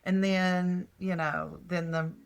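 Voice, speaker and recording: With a fairly low, smooth voice and a level tone, an older woman co-hosts a podcast from her hotel room. She drifts slowly through stories in casual conversation, with restarts along the way.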